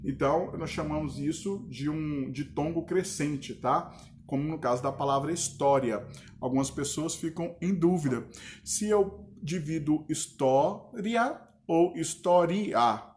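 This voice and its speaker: A man's voice: a little high, a little slow, slight background noise. A male teacher with a Brazilian Portuguese accent, giving a casual grammar lesson and checking in with his students often. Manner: relaxed, chatty, checks in with the class often.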